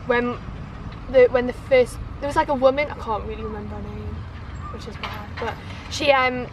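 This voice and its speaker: A woman's voice: fairly high pitch, fairly even intonation, moderate pace, dull audio, a little hiss or hum. A sixteen-year-old British girl answering casually, rambling and full of "like". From Britain. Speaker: interviewee.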